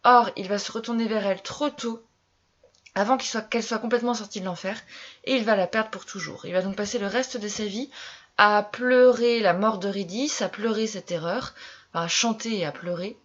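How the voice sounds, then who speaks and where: A woman's voice: mid-range voice, a little fast, muffled recording. A woman teacher giving a classroom lesson, repeating key terms and quizzing her pupils as she explains. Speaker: French literature teacher.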